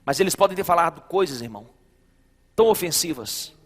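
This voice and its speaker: Brazilian pastor preaching hard, kinda high voice, echoey church hall, faint music. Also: male voice, animated, brisk, fairly bright tone. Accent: Brazilian Portuguese. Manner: emphatic preaching, repeating phrases, addressing listeners as brother. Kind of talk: sermon.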